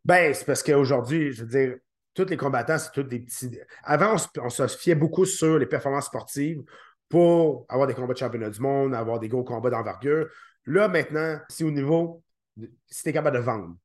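Halting Québécois man recalling a fight. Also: mid-range voice. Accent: Québécois French. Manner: halting, repeats words while recounting. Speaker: guest, former fighter. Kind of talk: podcast interview.

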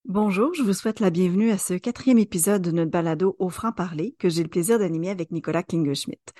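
A woman's voice: fairly low pitch, quick pace, mellow, no room sound, soft background music. A woman hosting a podcast, welcoming listeners and guests in a formal manner. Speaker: podcast host.

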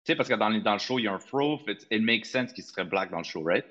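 Bright-voiced man arguing his point. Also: fairly low pitch, lively intonation, fast, highs cut off. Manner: argues his point, slips into English phrases. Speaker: podcast co-host. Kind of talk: casual chat.

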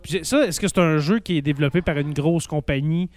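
A man's voice: on the high side, fairly quick, a little mellow. A man with a Québécois French accent doing a casual, encouraging interview, asking questions and echoing answers back.

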